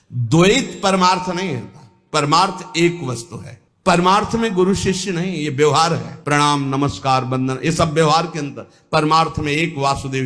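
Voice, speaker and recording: A man giving a devotional sermon as a spiritual teacher, slow and measured, with pauses and falling endings. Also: fairly high pitch, fairly bright tone. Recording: long hall reverb.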